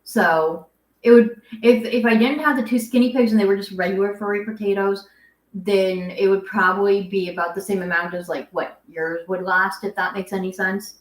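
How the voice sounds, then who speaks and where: A woman's voice: mid-range voice, steady tone, normal speed. A young adult woman hosting a casual home livestream, rambling as she reads viewer comments aloud. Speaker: guinea pig channel host. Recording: echoey room.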